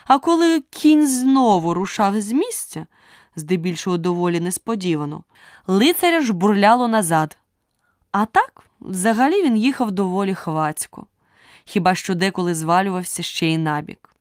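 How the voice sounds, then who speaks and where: A woman narrating an audiobook with a lively, expressive storytelling manner. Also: mid-range voice, normal speed, dry recording, studio quality. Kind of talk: scripted narration.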